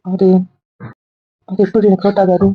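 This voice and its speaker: A woman's voice: mid-range voice, monotone, normal speed, husky, no echo, dull audio, natural voice. A young woman playing a hurt young girlfriend who questions and reproaches, in a web drama.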